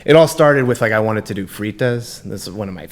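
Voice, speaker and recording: A man from Texas talking as a guest chef on a podcast, relaxed, with frequent laughs and fillers. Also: fairly low pitch, a little fast. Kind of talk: casual podcast chat.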